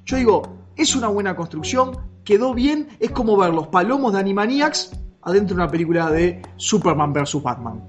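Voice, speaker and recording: A co-host argues in a mid-pitched, deadpan voice. The delivery stays confident and enthusiastic, never cracking a smile. Faint music sits underneath. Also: a little fast. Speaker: podcast co-host. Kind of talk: casual podcast banter.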